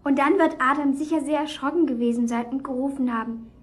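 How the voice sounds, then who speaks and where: Eager girl played by a woman, high voice, children's radio play. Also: fast, lightly acted. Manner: eager, interrupting. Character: eager young girl chiming in.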